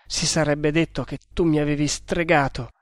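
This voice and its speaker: A man's voice: a little high, steady tone, moderate pace, no room sound, close to an everyday voice. A man reading a passionate young hunter. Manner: ardent, impassioned. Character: young male snake hunter, passionate and bold. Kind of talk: audiobook reading.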